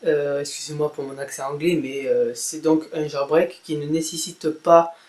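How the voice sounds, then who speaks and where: A man's voice: on the high side, steady tone, normal speed, darkish tone. A man narrating a casual tech tutorial, hesitating often with fillers and saying "voilà" after each step. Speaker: tech blogger giving a tutorial.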